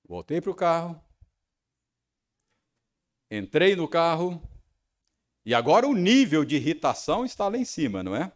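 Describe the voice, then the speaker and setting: A man's voice: a little high, sing-song, measured pace, long pauses. A man with a Brazilian Portuguese accent preaching a sermon, telling a personal story with frequent tag questions. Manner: storytelling, acting out his own angry rehearsal. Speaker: pastor.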